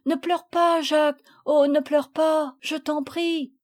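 A woman voicing a gentle, loving young girl in a storybook reading, soothing and imploring. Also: on the high side, animated, moderate pace, close to an everyday voice. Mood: pleading.

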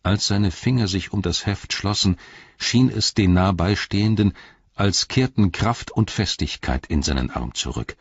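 Deep, slow, husky male narrator. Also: dry recording. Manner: measured, solemn. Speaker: audiobook narrator. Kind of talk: scripted narration. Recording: dull, lo-fi audiobook recording.

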